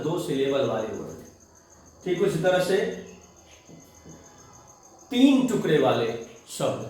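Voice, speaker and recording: A man's voice: fairly high pitch, darkish tone. A man with an Indian accent teaching English grammar, mixing Hindi and English and drawing out his definitions word by word. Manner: slow, stretches out words when defining. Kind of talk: bilingual grammar lesson. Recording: echoey room, voice from far off.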